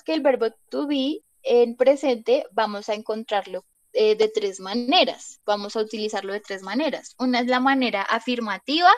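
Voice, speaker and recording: A woman's voice: a little high, dry recording. A woman teaching an English class, explaining with many examples and checking in with her students. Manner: chatty, explains with examples, asks "¿listo?". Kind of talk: classroom lesson.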